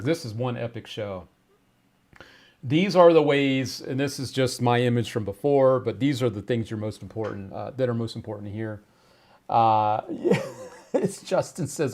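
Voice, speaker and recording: A medium-pitched man hosts a live-streamed giveaway show, chatting casually and breaking into stunned exclamations and laughter.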